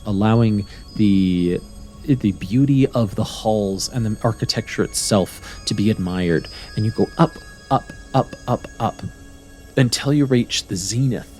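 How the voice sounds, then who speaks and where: A man narrating a tabletop game as game master, in measured, descriptive phrases with pauses. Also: fairly low pitch. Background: soft music.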